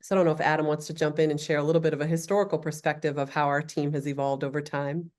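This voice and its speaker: Guest woman, low and flat delivery, steady with lots of um fillers. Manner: measured, frequent ums. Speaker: accessibility director, guest. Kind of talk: conversational interview answers.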